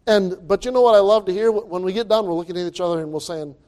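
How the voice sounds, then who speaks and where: A male pastor preaches a sermon into a pulpit microphone, his high voice racing as he emphatically repeats words and builds toward loud exclamations.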